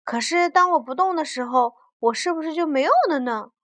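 A small boy from a picture book asks his questions in a high, childlike voice, as a woman acts it out. It sounds close and dry, curious and a little wistful. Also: brisk, a bit bright, no echo. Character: small curious boy asking why he exists.

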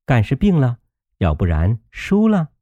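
A man's voice: medium pitch, wildly swooping pitch, a little slow, warm tone, dry recording, dull audio, pitched above the performer's own voice. A man voicing a doting young nobleman who speaks eagerly and placatingly in a storybook reading. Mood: eager, earnest.

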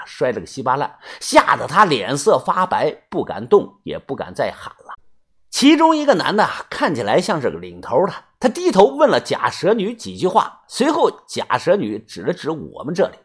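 Man narrating an audiobook, husky voice, animated pitch, casual filler particles. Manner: lively, colloquial, filler particles. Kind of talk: audiobook storytelling.

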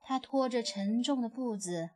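A woman with a slightly high voice reads a children's picture book aloud expressively at a normal speed, over soft background music.

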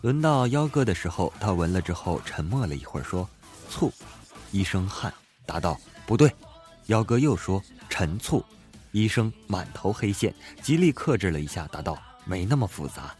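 A man telling comic stories in a lively way, voicing the people in them. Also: deep voice, fairly quick, few pauses. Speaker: joke narrator. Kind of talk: comic storytelling of jokes. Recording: faint music behind the voice.

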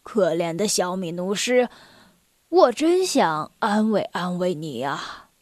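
A woman voicing a sly, hungry old male lion in a children's story, with a deep growling tone. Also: big pitch swings, slow, a little mellow, no room sound, clean studio sound, heavily acted. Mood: sighing.

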